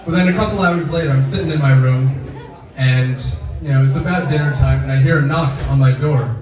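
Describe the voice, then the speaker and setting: A young man performing a stand-up comedy set on a campus coffee house stage, deadpan and self-deprecating, with audience laughter behind him. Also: medium pitch, brisk, crowd noise. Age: young adult. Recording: echoey room, mic from far off.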